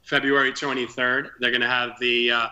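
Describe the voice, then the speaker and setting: Bright-voiced male comedian guest, excited. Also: mid-range voice, fairly quick, dull audio. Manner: excited, rambling storyteller. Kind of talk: casual chat.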